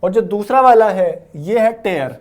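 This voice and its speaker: In a classroom lecture on word roots, a young man teaches vocabulary patiently in Hindi mixed with English words, frequently asking "okay?". He sounds high-pitched and animated, at a measured pace.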